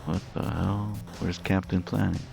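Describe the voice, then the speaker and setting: A man's voice: deep voice, steady tone, a little slow, creaky, music in the background. A man streamer chatting casually and rambling while he draws and plays games, chuckling often. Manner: rambling and easygoing, with frequent chuckles.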